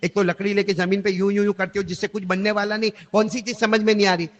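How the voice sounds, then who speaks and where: A man voicing an angry, proud king who shouts commands in a retold story. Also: high voice, flat delivery, big-room sound, dull audio, natural voice. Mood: irritated.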